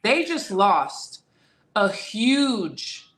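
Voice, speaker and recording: A woman's voice: mid-range voice, very animated, extremely slow, a bit bright, reverberant. Emphatic woman breaking down a boxing matchup. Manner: emphatic, repeats key phrases. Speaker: boxing trainer and guest analyst. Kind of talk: casual boxing analysis.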